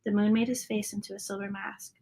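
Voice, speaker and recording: A woman reading a children's story aloud as a narrator, sometimes dropping into a hushed tone at the ends of lines. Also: medium pitch, flat delivery, quick pace, vocal fry. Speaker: storybook reader.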